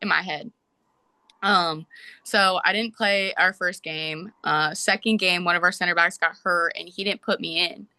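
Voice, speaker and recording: Young woman, bright voice, dry close sound, chatty storytelling, soccer player guest. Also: lowish voice, no room sound. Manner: animated, fast storytelling with many "like"s. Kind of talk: casual storytelling.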